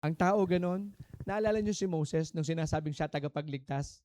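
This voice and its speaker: A man with a Filipino accent preaching a sermon, telling stories and calling out questions to the congregation, moving between soft asides and emphatic lines. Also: on the high side, moderate pace, no echo. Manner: preaching in Tagalog mixed with English, swinging between soft and emphatic; calls out to the congregation for answers, storytelling. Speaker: pastor.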